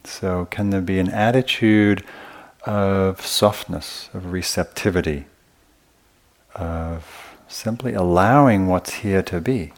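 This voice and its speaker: A man whose voice sits low teaches meditation at a retreat, giving a guided talk in short, gentle phrases with frequent pauses and no hurry.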